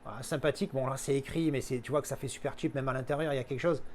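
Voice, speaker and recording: A man's voice: medium pitch, fairly even intonation, racing, slight background noise. A man showing off his collector purchases in a casual unboxing chat, slangy and thinking aloud as he goes.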